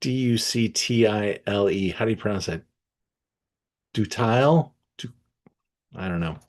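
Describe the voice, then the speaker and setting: A man hosting an online wine tasting, reading tasting notes aloud and breaking off to react with enthusiasm, often pausing with fillers and restarts. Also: lowish voice. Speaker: wine merchant presenting a tasting.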